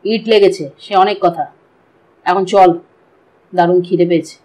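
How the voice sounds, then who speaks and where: A woman voicing a tough injured young man in an audiobook, speaking low, curt and matter-of-fact. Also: fairly even intonation, unhurried, a little mellow, poor audio. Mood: weary.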